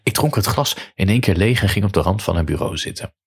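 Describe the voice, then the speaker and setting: A man's voice: deep voice, expressive, fast talker, creaky, husky. A man narrating a first-person story in a dry, matter-of-fact way.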